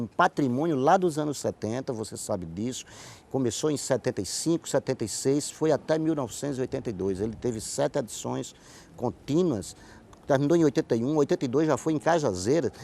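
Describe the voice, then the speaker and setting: A middle-aged writer and playwright from Paraíba, with a Northeastern Brazilian accent, talks at length in a TV interview, explaining things and repeating and rephrasing himself. His voice is medium-pitched, creaky and somewhat dark in tone. He answers conversationally and talkatively.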